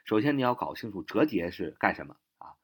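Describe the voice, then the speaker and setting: A man's voice: fairly low pitch, sing-song, breathy edge. A man teaching English vocabulary, repeating each word and spelling it out letter by letter, with frequent filler particles. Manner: shifts to English and sounds out words slowly. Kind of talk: spoken vocabulary lesson.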